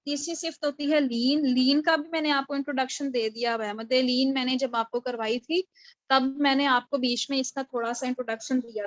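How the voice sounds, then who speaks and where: A woman with a high, bright-set voice teaches recitation rules in a live online lesson. She explains step by step, slips English terms into her talk and keeps asking her students questions. The sound is dry and close, with no room around it. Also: steady tone, dry recording, highs cut off. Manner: explanatory, mixes English terms into Urdu, checks understanding with questions. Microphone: video call microphone.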